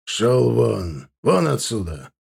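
A coarse, hot-tempered crime boss, voiced by a male audiobook reader, barking orders in a gravelly voice. He is blunt and bossy. The tone is dark and husky. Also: medium pitch, very animated, takes it slowly, full character voice. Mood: angry.

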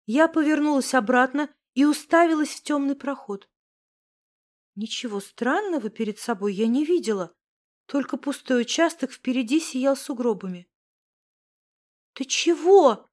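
High-voiced woman reading a story. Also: moderate pace. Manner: lively, wry storytelling. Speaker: narrator. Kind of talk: first-person story reading.

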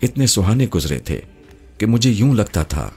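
A man's voice: fairly low pitch, sing-song, warm tone, husky, soft background music, voice pushed up, exaggerated voice. A male narrator voicing a young, wealthy, affectionate woman who pleads emotionally in a storybook reading. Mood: wistful.

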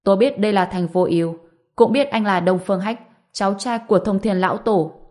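A woman's voice: medium pitch, brisk, darkish tone, natural voice. Cool unbothered hero, read by a woman. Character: calm powerful young man, hero. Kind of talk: audiobook narration.

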